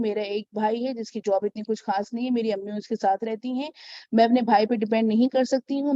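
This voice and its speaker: A woman with a fairly high, warm and mellow voice talks through a casual advice vlog, telling stories to her followers. She keeps checking in with the listener and acts out the people in her stories. The sound is dry and a little dull, like a lo-fi home recording. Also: no room sound. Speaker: network marketing mentor.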